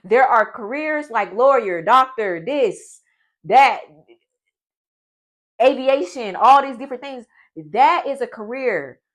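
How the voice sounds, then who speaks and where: A woman's voice: on the high side, animated, takes it slowly. Blunt, swearing young woman. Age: 20s. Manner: blunt, profane, preachy pep talk. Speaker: vlogger. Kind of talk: motivational vlog talk.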